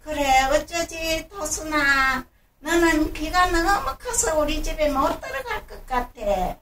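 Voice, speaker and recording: An elderly woman with a grandma voice playing a house-proud young male animal in a children's story, softly apologetic. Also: high-pitched, animated, takes it slowly, pitched above the performer's own voice, full character voice. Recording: roomy, distant mic, faint noise.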